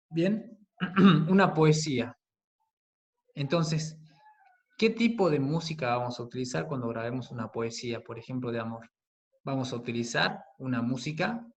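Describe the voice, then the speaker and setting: A man teaching a class on radio production, speaking slowly and deliberately and often checking in with his listeners. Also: medium pitch. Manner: patient, with frequent "¿sí?" and "¿bien?" checks; slow and deliberate on key words, with some fillers.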